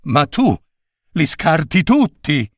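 Man voicing a stubborn storybook king, indignant and protesting, a little higher than the narration. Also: big pitch swings, takes it slowly, dry recording, studio quality, full character voice. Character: proud, stubborn male king.

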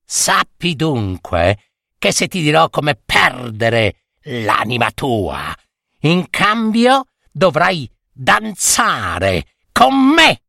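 A man voicing a cunning red-haired witch who talks in a teasing, sing-song, drawn-out way. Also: fairly high pitch, huge pitch swings, creaky, sharp tone, no room sound, clean studio sound, full character voice.

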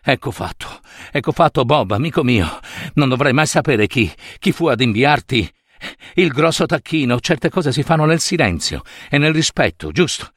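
A man voicing an elderly miser, giddy with joy and remorse, stammering and excitable. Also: medium pitch, normal speed, no room sound, studio quality. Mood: sly. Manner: excitable, stammering, shouting then weeping.

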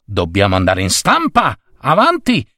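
Brief: sour old-school print boss, low and curt, voiced by a man reading a story, growling orders. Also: huge pitch swings, normal speed, pushed and bright, no echo, clean studio sound, full character voice. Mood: grumpy. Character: gruff grumpy middle-aged male print-shop boss.

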